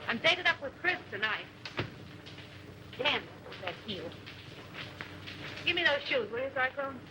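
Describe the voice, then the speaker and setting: An actress playing a flirty, sharp-tongued dame in 1930s Hollywood film style. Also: female voice, sits high, big pitch swings, unhurried. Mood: flirtatious. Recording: noisy old film soundtrack.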